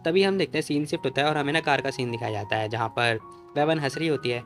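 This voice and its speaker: A man narrating a comic story recap in a rapid, chatty retelling. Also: mid-range voice, a bit bright, faint music behind.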